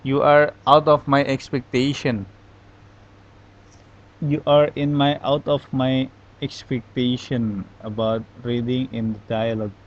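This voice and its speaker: A man, teaching an online English class and giving feedback in a slow, halting way. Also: medium pitch, level tone, lo-fi sound. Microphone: online class audio.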